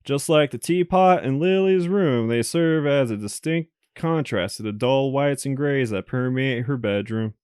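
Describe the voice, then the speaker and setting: A man's voice: mid-range voice, a little slow, hardly any pauses, darkish tone, clear, resonant tone, dry recording, studio quality. A man hosting a let's play, reading a visual novel's narration aloud with amused laughs between passages. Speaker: let's play host reading the game text.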